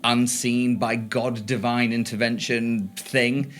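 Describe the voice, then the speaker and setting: A man's voice: mid-range voice, level tone, takes it slowly, fairly bright tone, soft background music. A man in a tabletop podcast chat, talking earnestly and thinking aloud with restarts. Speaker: player in a tabletop game podcast.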